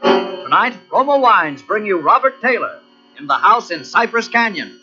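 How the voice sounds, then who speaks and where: A man announcing in polished, deliberate 1940s radio style, reading sponsor copy with emphasis. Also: sits high, big pitch swings. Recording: dull old radio recording. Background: music.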